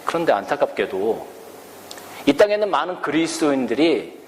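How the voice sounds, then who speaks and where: Animated male preacher in an echoey hall. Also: fairly high pitch, normal speed, a little hiss or hum. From Korea. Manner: animated preaching, rhetorical questions, acts out quotes. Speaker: pastor. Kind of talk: sermon. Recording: echoey church hall, faint ambience.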